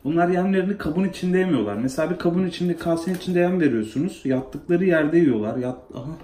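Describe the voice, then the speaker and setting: A man's voice: fairly high pitch, animated, quick pace, dark tone, a little hiss or hum. A man talking casually to his phone camera in a bathroom, coaxing and scolding his pets while he bathes them. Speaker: pet vlogger. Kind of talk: casual pet video chat. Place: bathroom at home, by a tub. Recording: echoey bathroom with running water. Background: water splashing in a tub.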